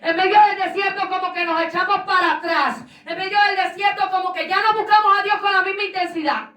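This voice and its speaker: A woman's voice: very high-pitched, fairly even intonation, a little fast, pushed and bright, roomy sound, distant mic. A woman pastor giving a fervent sermon in a repetitive preaching cadence.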